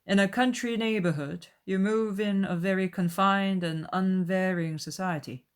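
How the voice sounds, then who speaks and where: A proud, reserved young gentleman, played by a female audiobook reader. The speech is formal and measured, at a middle pitch for the reader. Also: steady tone, clear, resonant tone, lightly acted. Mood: aloof. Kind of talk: dramatized audiobook character voice.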